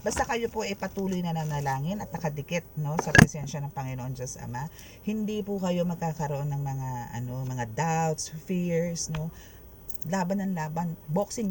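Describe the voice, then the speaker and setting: Expressive tarot reader. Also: mid-range voice, slight background noise. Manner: mixes Tagalog and English, keeps adding "no?" after phrases; expressive, laughing and exclaiming. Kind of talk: tarot reading for viewers.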